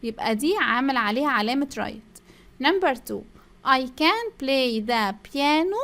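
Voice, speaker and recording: A woman's voice: sits high, expressive, slow pace, a bit bright. A woman with an Egyptian Arabic accent, teaching a first-grade English lesson, stretching out English phrases and drilling pupils to repeat after her. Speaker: primary school English teacher.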